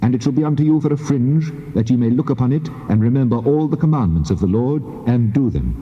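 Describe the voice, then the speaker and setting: A man plays the Lord God in a scripture drama, stern and commanding. The voice is very dark and slightly muffled, ringing in a long reverb, with solemn, measured authority. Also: mid-range voice, expressive, close to an everyday voice.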